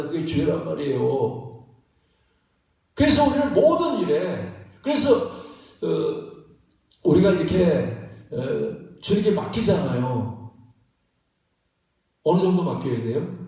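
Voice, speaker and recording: A male pastor preaching with high, lively swings in pitch, pressing each point again and again with short laughs in between. His voice booms around a very reverberant church hall and sounds set back from the mic. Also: far from the mic. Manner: emphatic, repetitive preaching with laughing asides. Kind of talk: sermon. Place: church sanctuary.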